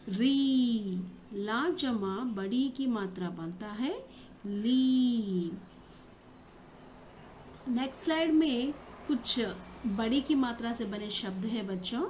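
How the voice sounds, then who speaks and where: A woman Hindi teacher with an Indian accent, giving a recorded lesson to children and repeating each word slowly and carefully for her pupils. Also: a little high, a little hiss or hum.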